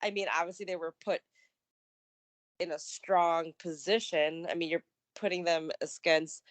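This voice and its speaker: A woman's voice: on the low side, steady tone, measured pace, no echo. A woman co-hosting a casual show, giving upbeat commentary with frequent fillers and restarts. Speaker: co-host of a wrestling news show.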